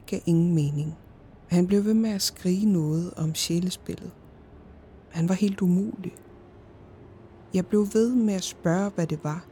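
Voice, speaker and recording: A woman narrating a horror story in the first person, in a slow, hushed and often whispered voice. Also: lowish voice, a little hiss or hum.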